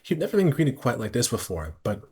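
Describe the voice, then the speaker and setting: Speaking a little fast, a man with a medium-pitched, darkish voice and a breathy edge swings widely in pitch as he reads a visual novel aloud on a stream. His amateur narration comes with casual commentary, and he stumbles over words and rereads phrases along the way.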